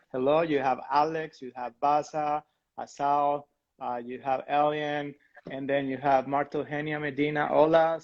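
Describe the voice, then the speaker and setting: A man's voice: on the high side, dull audio. A man hosting a livestream interview, enthusiastic and upbeat as he asks his guest questions. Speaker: host.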